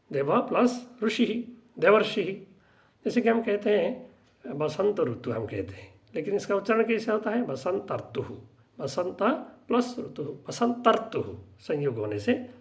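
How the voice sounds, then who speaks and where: A middle-aged man teaching a grammar lesson at an unhurried, drawn-out pace. His fairly high voice rises and falls in a lively way. He works through each word deliberately, pausing often on fillers. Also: creaky. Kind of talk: slow, drawn-out lesson explanation with many pauses.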